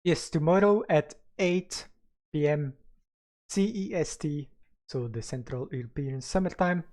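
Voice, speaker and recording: An esports caster giving live play-by-play game commentary with an excited delivery and informal, conversational asides to viewers. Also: mid-range voice, a little slow.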